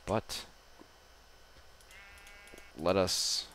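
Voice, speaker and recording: A man's voice: drawn-out words, fairly bright tone. A man giving casual, rambling gameplay commentary, self-deprecating and swearing now and then. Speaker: gamer. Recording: noisy home mic recording.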